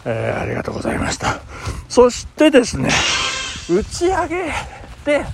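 This man's voice is very high and gravelly, with wildly swooping pitch at a normal pace. He's a podcast host and amateur rakugo performer telling a story on his casual solo show, polite and chatty with many fillers, against a noisy background.

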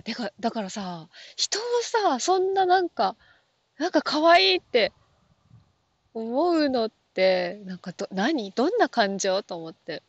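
A woman with a high voice muses alone in a loose, rambling monologue, trailing off into fillers and asking herself questions out loud. The sound is dry and close, a little dull, like a phone recording. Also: no echo. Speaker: app talk show host. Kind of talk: casual solo monologue.

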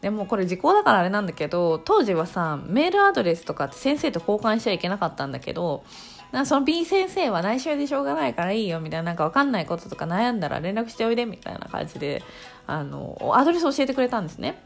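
Animated woman around thirty telling a story. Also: mid-range voice, fast talker, gravelly, faint music behind. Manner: animated, laughs often while telling. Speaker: podcast host. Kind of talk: casual storytelling monologue.

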